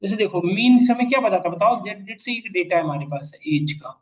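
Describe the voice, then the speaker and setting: A man teaching a class, mixing English phrases into his Hindi and repeating key lines slowly for students to write down. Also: high-pitched, animated, rough recording. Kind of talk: classroom lecture.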